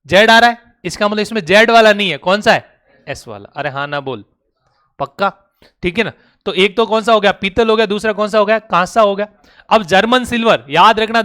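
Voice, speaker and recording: A male teacher giving a classroom lecture, firing quick questions at his students and coaxing answers out of them with a familiar, urging manner. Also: high-pitched, bright, forceful tone, clean tone. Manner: drills students with rapid questions; coaxing, calls students "beta".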